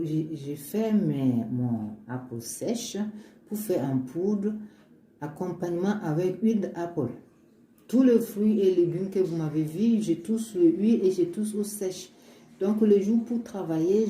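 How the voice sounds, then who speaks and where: Her voice is low and mellow as she walks through her homemade oils in a casual show-and-tell vlog, shifting between English and French. She's a native speaker of an African language, earnest and upbeat, speaks of faith and keeps restarting. There's echo and faint ambient noise in the room.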